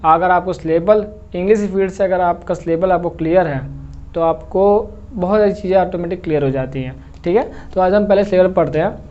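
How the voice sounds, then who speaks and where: A man's voice: high voice, fairly quick. A man teaching a lesson, explaining patiently and repeating words, and he checks that the class follows. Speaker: English teacher. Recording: slightly dull lo-fi recording with faint noise.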